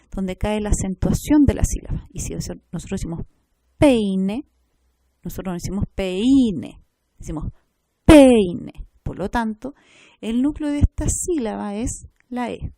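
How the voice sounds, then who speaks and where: A woman's voice: mid-range voice, expressive, moderate pace, mellow, no echo. A woman teaching a recorded class, explaining step by step and checking in with her listeners.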